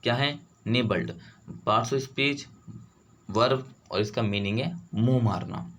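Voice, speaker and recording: A man giving an online vocabulary lesson for exam prep. He switches between Hindi and English, reads the English words slowly, and keeps saying "theek hai" and "doston". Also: medium pitch, a bit bright, slight background noise. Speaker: vocabulary teacher.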